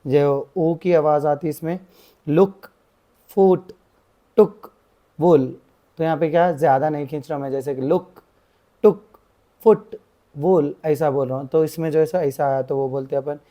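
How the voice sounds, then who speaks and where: A young man explaining a grammar lesson as a tutor. He uses the same filler phrases again and again and draws out example words slowly. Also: a little high, steady tone, dark tone.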